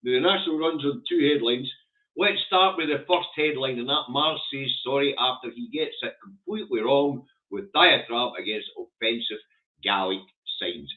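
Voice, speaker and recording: A man's voice: medium pitch, normal speed. Through a thin, phone-like sound comes a man with a broad Scottish accent from Lanarkshire. He hosts a livestream in a colloquial, chatty way, delivering blunt and opinionated news commentary with swearing thrown in. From Scotland.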